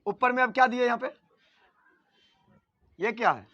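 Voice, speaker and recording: A man's voice: extremely high pitch, normal speed, sharp tone, no echo, lo-fi sound. A man teaching a grammar lesson at a board, repeating key words and often checking whether his students understand.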